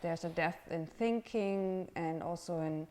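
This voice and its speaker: Here a hesitant Romanian woman, an artist in residence, responds to a relaxed interview. Her voice is low, slow and somewhat dark, and she fills the gaps with many fillers while she looks for the right words.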